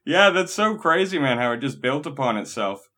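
A man's voice: mid-range voice, big pitch swings, moderate pace, sharp tone. A man hosting a podcast, chatting in an easygoing way, swearing casually and laughing along with his guest. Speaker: podcast host. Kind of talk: casual interview chat.

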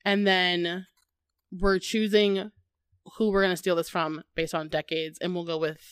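Young Midwestern woman podcast co-host, slightly low, rambling and giggly, dry close sound. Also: little pitch movement, a little slow, fairly bright tone, clean tone, no echo. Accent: Midwestern American. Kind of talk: casual chat.

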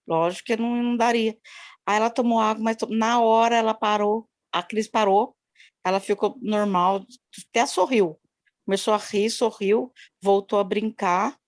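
A woman's voice: mid-range voice, steady tone, normal speed. A woman who works at a daycare tells a personal story on a video call from her phone, rambling and repeating herself with many tag questions. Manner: rambling and repetitive, many "né?" tags. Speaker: daycare worker sharing an experience.

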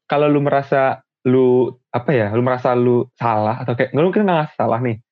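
A man's voice: mid-range voice, a little fast, no room sound. A young man talks casually in slang, often stopping to restart a thought. His voice comes through thin and tinny, like a phone call. The sound is dry, with no room around it. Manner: slangy, hesitant, full of restarts. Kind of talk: casual chat.

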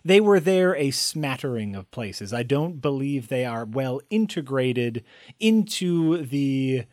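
A man co-hosting a podcast who talks with halting restarts and a self-deprecating tone while discussing a film. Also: mid-range voice, animated, darkish tone, dry recording, studio quality. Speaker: podcast co-host.

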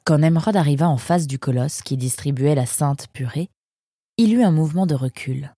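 A woman reading a storybook narration in a calm, measured way. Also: sits low, breathy edge, dry recording, clean studio sound. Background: soft guitar music.

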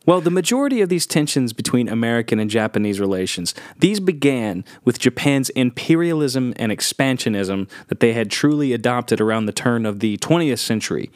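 A man's voice: medium pitch, sing-song, fairly quick, hardly any pauses, no room sound, studio quality. A man co-hosting a casual history podcast, joking and laughing often, talking through facts with loose restarts. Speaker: podcast co-host.

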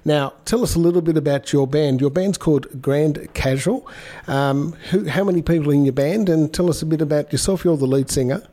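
A man hosting a casual radio interview, with hesitant, halting phrasing. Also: a little high, warm tone. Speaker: radio host.

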